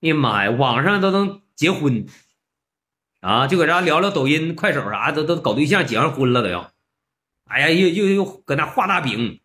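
A man's voice: a little high, very animated, normal speed, pushed and bright. A man with a Northeastern Mandarin accent, telling stories to his audience in a blunt, mocking, exclamatory way. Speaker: vlogger. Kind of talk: storytelling monologue.

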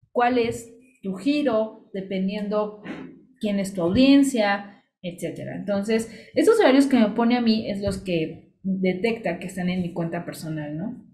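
A woman's voice: medium pitch, darkish tone. A woman giving a screen-share tutorial on social media tools, chatty and explanatory, walking through each click step by step. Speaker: social media business coach.

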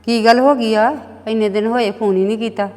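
A woman's voice: a little high, steady tone, brisk, darkish tone, in a large hall, natural voice. A middle-aged woman with a Punjabi accent acting a soothing, motherly mother on a phone call.

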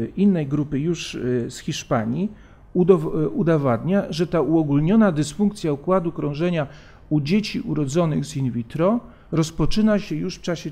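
A man in his forties giving an academic conference lecture at a lectern, measured and hesitant, with frequent fillers and restarts. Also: fairly high pitch, mellow. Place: large conference hall, at a lectern. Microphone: lectern microphone.

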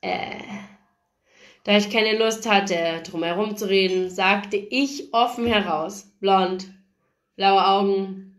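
A woman reading a first-person novel aloud in a lively, expressive storytelling manner. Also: medium pitch, takes it slowly. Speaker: audiobook reader. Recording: roomy echo.

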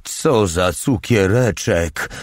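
A man's voice: low-pitched, extremely slow, no echo, studio quality. A male audiobook reader voicing a crude, leering young soldier who talks in a coarse, mocking way. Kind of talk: audiobook character reading.

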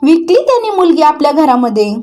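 A woman's voice: high voice, very animated, brisk. A woman reading the lines of a rude, scornful woman from a rich household, in an insulting tone. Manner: insulting and shouting. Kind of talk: dramatic recap reading.

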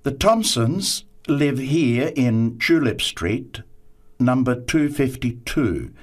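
Actor as slow-paced, helpful explaining man. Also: medium pitch, lively intonation. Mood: helpful, reassuring. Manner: reassuring, step-by-step explaining. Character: helpful man calmly giving street directions. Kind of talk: scripted dialogue for a listening test.

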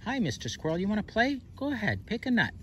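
Quick and very animated, this higher-pitched male presenter hosts a children's counting game outdoors on park grass. He narrates playfully as if to small children, leading with questions, while birds and light ambient noise are heard.

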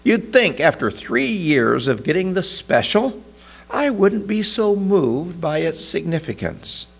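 A woman's voice: on the low side, very animated, takes it slowly, gravelly, husky, voice pushed up, heavily acted. A man voicing a grateful regular customer who speaks with heartfelt appreciation. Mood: moved. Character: grateful regular woman customer, warm and moved.

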